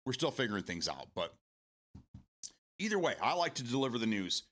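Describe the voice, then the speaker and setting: A man's voice: mid-range voice, big pitch swings, fairly quick, fairly bright tone. A man in his forties hosting a casual morning stream, rambling, repeating words and swearing casually as he answers viewer comments. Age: 40s.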